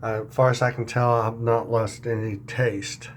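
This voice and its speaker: A man talking casually in an unscripted video diary, halting and searching for words, his speech affected by new dentures and a swollen mouth. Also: mid-range voice, flat delivery, a little hiss or hum. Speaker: vlogger sharing dental recovery diary.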